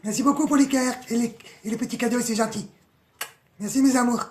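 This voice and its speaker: A woman with a hoarse voice, mocking and chatty, analysing song lyrics in a casual live stream, full of slang and swearing. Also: on the high side, steady tone, a little fast, slight background noise.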